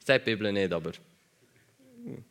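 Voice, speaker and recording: A man's voice: fairly low pitch, animated, moderate pace, fairly bright tone, smooth. A man preaching a sermon emphatically, repeating phrases for stress.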